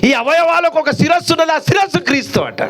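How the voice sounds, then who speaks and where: Man, very high-pitched, sermon in a church, storytelling, acts out voices, rises and drops sharply. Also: animated, a bit bright. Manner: storytelling, acting out voices of mother and son; swings between high exclamations and low drawn-out lines. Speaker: preacher. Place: church hall.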